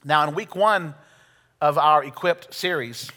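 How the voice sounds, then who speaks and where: Bright, high-voiced American preacher in a hall. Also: male voice. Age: 40s. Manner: emphatic, rhetorical questions and pauses. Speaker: pastor. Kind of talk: sermon with scripture reading. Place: large reverberant room before a congregation. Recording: long hall reverb.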